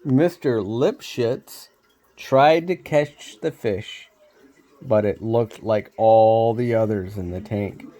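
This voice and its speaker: A man reading a storybook aloud, unhurried, with small slips he laughs off. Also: on the low side, dark tone.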